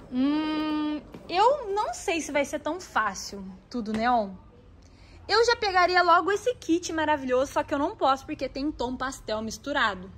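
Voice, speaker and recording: A woman with a Brazilian Portuguese accent chatting to viewers in a shopping vlog as she browses a stationery store. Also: sits high. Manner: animated, talks to viewers while browsing.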